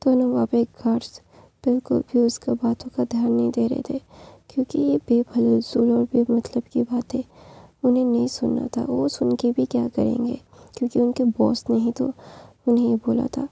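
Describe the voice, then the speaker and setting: A woman narrating a fan story in a soft, half-whispered retelling. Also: on the high side, flat delivery, normal speed, gravelly, breathy edge, no room sound.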